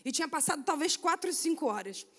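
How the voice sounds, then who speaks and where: High-voiced Brazilian woman preaching in a church. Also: quick pace, big-room sound. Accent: Brazilian Portuguese, Rio de Janeiro. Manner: animated storytelling, acts out quoted voices, frequent "né?" and "amém?". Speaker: guest missionary speaker. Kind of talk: testimony sermon. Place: church sanctuary.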